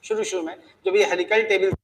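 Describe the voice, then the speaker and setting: A man with a high voice teaches a chemistry lesson in a classroom that rings with long reverb. He keeps it playful and keeps asking his students questions. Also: steady tone, a little fast, slight background noise. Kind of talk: classroom lecture.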